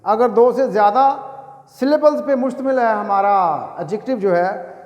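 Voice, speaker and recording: A man teaching English grammar, dictating example sentences slowly and deliberately, then asking questions and answering them himself. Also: sits high, highs cut off. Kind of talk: grammar lesson. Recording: echoey room with long reverb.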